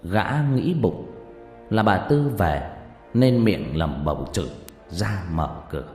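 A man's voice: animated, slow pace. A man narrating a ghost story theatrically, with reverb and faint music behind. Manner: theatrical, swinging pitch and loudness.

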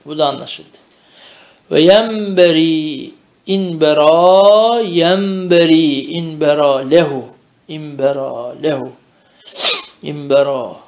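A man's voice: a little high, slow, a little mellow, reverberant. A man teaching a traditional madrasa-style Arabic lesson, chanting verb conjugations in rhythmic drills and explaining them in Turkish, often checking with "değil mi?".

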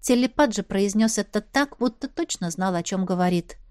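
A woman narrating a first-person audiobook in a lively storytelling way. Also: medium pitch, normal speed, no echo, clean studio sound.

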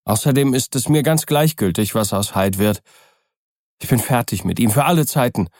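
A man's voice: expressive, normal speed, a little mellow, no echo, studio quality, natural voice. A man reading an audiobook, voicing a frightened, nervous middle-aged doctor in an agitated, pleading tone. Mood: anxious. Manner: agitated, pleading, higher-pitched.

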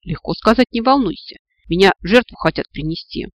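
A man's voice: sits high, expressive, fairly quick, dry recording, studio quality. A man voicing a sassy young female witch with a cheeky, sarcastic way of talking, in an audiobook. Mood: indignant.

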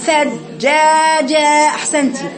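High-voiced Egyptian woman teaching recitation. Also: steady tone, takes it slowly, reverberant, crowd noise. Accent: Egyptian Arabic. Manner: patient, demonstrates sounds by chanting them. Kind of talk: tajweed lesson, correcting students.

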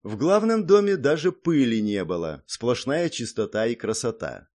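A man reading a first-person audiobook in a steady, matter-of-fact way, with wry asides. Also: medium pitch, normal speed. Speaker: audiobook narrator.

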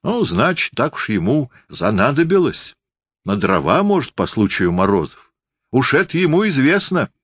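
A man voicing a sly, stern shop clerk who talks in a folksy, gruffly knowing way. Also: mid-range voice, sing-song, moderate pace, fairly bright tone, no room sound, clean studio sound, voice pushed up.

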